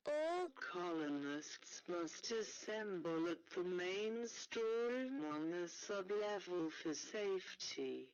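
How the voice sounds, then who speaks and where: Slow woman's voice over an intercom. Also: lowish voice, very animated, clear, resonant tone. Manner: measured, repeating the same message. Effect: colony intercom broadcast. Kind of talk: recorded emergency announcement. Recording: muffled lo-fi intercom with faint hiss.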